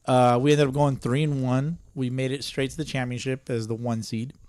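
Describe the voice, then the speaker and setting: A man co-hosting a podcast, chatting casually in an animated way, swearing and laughing often. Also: mid-range voice, moderate pace, dry recording. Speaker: podcast co-host. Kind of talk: casual chat.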